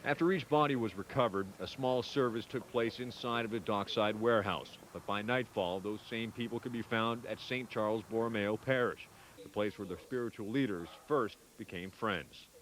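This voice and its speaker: A man's voice: lowish voice, normal speed, fairly bright tone, a little hiss or hum, poor audio. A man narrating a scripted television news report.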